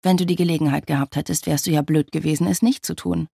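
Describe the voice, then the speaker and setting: A reader doing a playful, teasing man in a storybook. His voice is mellow and husky, with a dry, close sound. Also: medium pitch, steady tone, fast talker, no room sound. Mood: wry. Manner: teasing, mocking banter.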